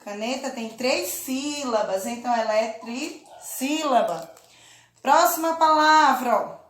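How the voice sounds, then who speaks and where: A woman teaching a children's lesson, speaking slowly and patiently, drawing out words and often checking in with her listeners. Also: sits high, fairly bright tone, roomy sound. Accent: Brazilian Portuguese. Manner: slow, patient, drawn-out syllables with check-in questions. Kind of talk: children's lesson, clapping out syllables.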